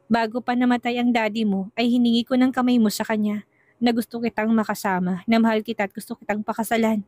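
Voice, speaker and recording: A woman voicing a gentle, earnest young man who is in love, in a storybook reading. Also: fairly high pitch, flat delivery, fast talker, dry recording, soft background music, lightly acted. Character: tender lovesick young man. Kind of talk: storybook narration.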